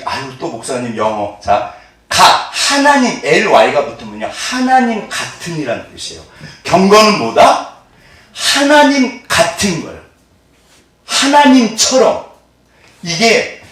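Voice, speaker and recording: A middle-aged man preaching a sermon as pastor, quizzing the congregation and laughing often. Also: fairly high pitch. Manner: animated, asks the congregation call-and-response questions. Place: church sanctuary. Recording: echoey hall, mic at a distance.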